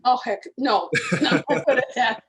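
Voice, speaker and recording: A woman's voice: on the high side, animated, a little slow, a bit bright. A woman, a guest telling rambling stories in casual conversation. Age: 80s. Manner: chatty, rambling storyteller.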